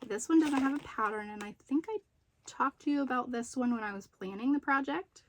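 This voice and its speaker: A woman's voice: sits high, fairly quick, slight background noise. A woman chatting casually in a home video as she shows off her craft projects. She rambles a little and stops to remember details. She sounds slightly out of breath after being ill. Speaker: crochet and knitting vlogger. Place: room at home with poor lighting.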